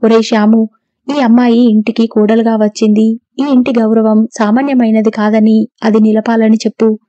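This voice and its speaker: A woman voices a bossy older mother-in-law who scolds and then pities herself. The voice is fairly high and sits in a narrow, flat range. The recording is dry and muffled. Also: normal speed, no echo, lightly acted. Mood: scolding. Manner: scolding, self-pitying. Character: domineering older mother-in-law, quick to tears.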